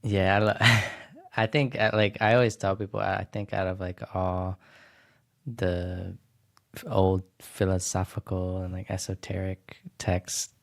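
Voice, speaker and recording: Deep, gravelly, slow-talking man host. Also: little pitch movement. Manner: loose, searching, many fillers. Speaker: podcast host. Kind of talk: casual interview chat.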